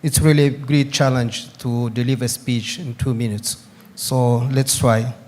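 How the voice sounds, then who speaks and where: Mozambican-accented man, medium pitch, formal university delegate giving a short congress speech. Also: flat delivery, unhurried, a little mellow. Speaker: university representative speaking at a congress.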